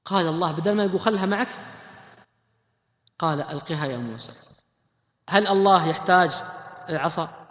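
High-voiced man preaching in an echoey hall. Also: brisk, pauses often. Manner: animated, questioning the audience. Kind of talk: sermon. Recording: echoey hall, muffled sound.

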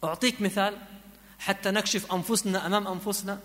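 A man preaching a sermon, chanting verses slowly and moving between soft pleading and emphatic exhortation. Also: sits high, fairly even intonation. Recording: long hall reverb.

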